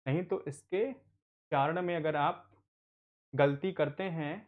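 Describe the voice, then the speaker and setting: Over phone-quality audio, a man with a fairly high voice speaks slowly while giving an online Hindi reading lesson to adult literacy learners. He takes his time spelling out each word and supplies answers to the questions he poses.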